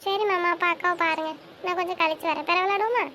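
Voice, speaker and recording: A man's voice: extremely high pitch, fairly even intonation, very fast, pushed and bright, a little hiss or hum, pitched above the performer's own voice. A man doing a chirpy little girl voice. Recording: dull lo-fi recording.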